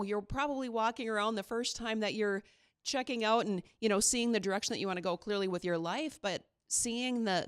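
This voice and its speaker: A woman's voice: medium pitch, clean tone, no echo, clean studio sound. A woman hosting an interview podcast, upbeat and enthusiastic. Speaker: podcast host. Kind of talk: casual interview chat.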